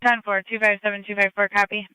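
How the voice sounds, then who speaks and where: Bright, crisp police radio dispatcher. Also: medium pitch, flat delivery, fast talker, no room sound, low-quality recording. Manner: clipped, procedural radio phrasing. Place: scanner stream of radio traffic.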